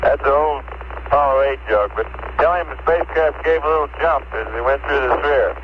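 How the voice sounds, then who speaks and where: A man's voice: mid-range voice, a little fast. A man talking informally and laconically as an astronaut in a radio exchange with mission control. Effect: space radio. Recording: noisy, muffled 1960s space radio.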